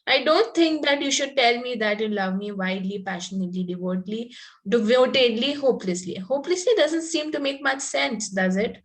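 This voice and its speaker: In an amateur table read, a woman with a slightly high voice reads at a moderate pace as a fanciful, coy Victorian young lady, lightly acted, prim and earnest, stumbling now and then. The mood is one of prim scolding.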